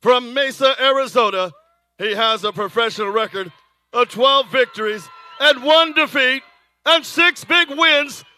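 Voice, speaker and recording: High, booming theatrical male fight announcer. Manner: theatrical, drawn-out shouted names and phrases. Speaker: ring announcer. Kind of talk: boxing ring introductions, lucha libre announcer manner. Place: live boxing event.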